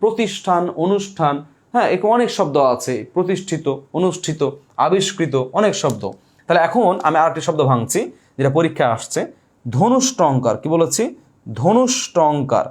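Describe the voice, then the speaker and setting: Male tutor, slightly high voice, drills points by repetition and call-and-response questions. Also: animated. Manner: repeats key points and quizzes listeners with quick questions. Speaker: teacher. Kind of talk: online exam-prep grammar lesson.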